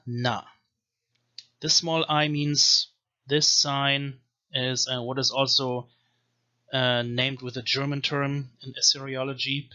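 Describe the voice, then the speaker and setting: Man, video lecture, bright tense tone, slow syllable-by-syllable pronunciation, dull lo-fi recording. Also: mid-range voice. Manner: slowly spells out syllables one by one. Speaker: language teacher.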